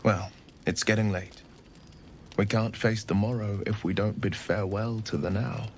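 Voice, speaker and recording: A man's voice: fairly low pitch, fairly even intonation, normal speed, slight background noise, lightly acted. A man playing a courtly, poetic suitor in a video game, speaking in a gallant, formal and flowery way. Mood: wistful, tender. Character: courtly romantic gentleman, gently poetic suitor. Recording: background music behind the voice. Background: clear music.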